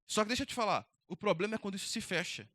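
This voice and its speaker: A young man preaches to teenagers in a direct, conversational way. He talks fast in a high, bright voice. The sound is dry and close. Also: expressive, no room sound. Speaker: youth pastor. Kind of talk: youth sermon.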